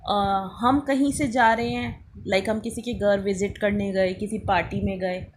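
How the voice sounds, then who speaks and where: A woman's voice: medium pitch, steady tone, unhurried, slight background noise. A woman teaching a beginner English lesson in Hindi, spelling words out letter by letter and prompting learners to repeat after her.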